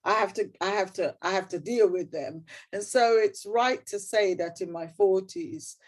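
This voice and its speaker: A woman's voice: medium pitch, normal speed. A middle-aged woman with a Guyanese accent giving an informal, candid personal talk on a video call, repeating words for emphasis. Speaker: guest speaker. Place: indoors at a computer on a video call.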